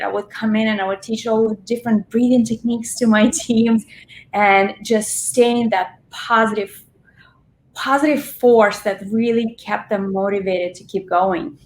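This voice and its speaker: A woman's voice: mid-range voice, a little hiss or hum. A woman in her forties, originally from Russia, talking chattily as a restaurant owner guest in an interview. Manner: warm, chatty storytelling with laughs. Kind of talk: interview conversation. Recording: roomy echo.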